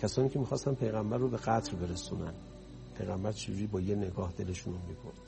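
A man's voice: lowish voice, fairly even intonation, gravelly, over music. A man preaching a sermon, telling stories in a conversational way that rises to impassioned emphasis. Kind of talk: storytelling sermon.

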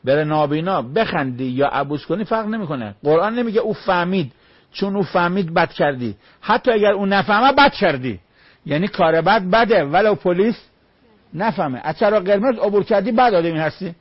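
A man's voice: high-pitched, animated, husky, no room sound, muffled recording. A man preaching on Quran verses, emphatic, with rhetorical questions and short stories.

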